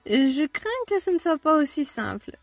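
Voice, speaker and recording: A woman's voice: high-pitched, lively intonation, normal speed, no room sound, pitched above the performer's own voice. A woman voicing a mysterious fairy aunt with a wand, who speaks in lofty, sage-like phrases. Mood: sagely.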